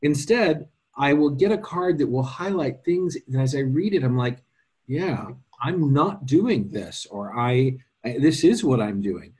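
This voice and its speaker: A man co-hosting a casual live question session, explaining card readings in quick bursts with self-deprecating humor. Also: mid-range voice, animated, darkish tone, husky. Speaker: co-host and card reading teacher.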